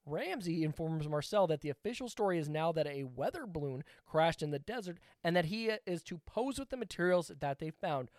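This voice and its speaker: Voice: mid-range voice, lively intonation, brisk, hardly any pauses, a little mellow, dry recording, clean studio sound. A podcast co-host telling a story in casual chat, rambling and swearing with laughing asides.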